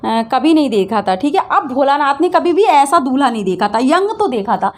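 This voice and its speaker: A woman teacher with a high voice talks through a school lesson. She retells the story plainly, repeats her phrases, and keeps asking her students questions as she explains. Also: very animated, moderate pace. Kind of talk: Hindi class revision lesson.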